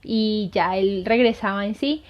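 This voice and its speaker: A lay missionary earnestly tells viewers the life of a saint in a devotional story, hesitating often with fillers. Her medium-pitched voice is unhurried, and the recording sounds dull and lo-fi.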